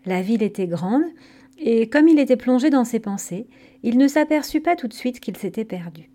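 A woman narrating a scripted myth story in a calm, gentle storytelling manner. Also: on the high side, moderate pace.

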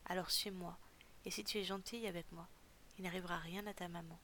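A woman voicing a cold, cruel male captor chief in a storybook reading, speaking with quiet menace. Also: lowish voice, steady tone, fast talker, slight background noise, natural voice.

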